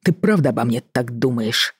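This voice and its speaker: A reader voicing a tired, fed-up middle-aged doctor in an audiobook, reproachful and measured. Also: mid-range voice, animated, breathy edge, no echo, clean studio sound. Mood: weary. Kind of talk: audiobook reading.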